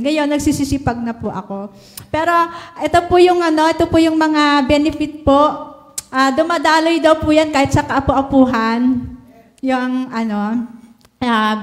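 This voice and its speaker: An older woman giving a hesitant, polite testimony at a church prayer meeting. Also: high voice. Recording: long hall reverb in a church.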